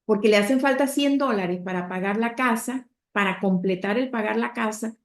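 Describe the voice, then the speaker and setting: A woman's voice: mid-range voice, moderate pace. A woman preacher retelling a Bible story with heartfelt emotion, speaking directly to her listeners.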